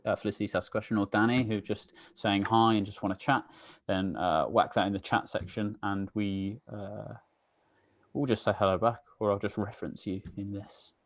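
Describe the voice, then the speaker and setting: A man's voice: on the low side, dry recording. A man hosting a live online meetup, chatty and full of fillers, greeting viewers by name over a video call. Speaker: webinar host. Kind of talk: casual live-stream chat.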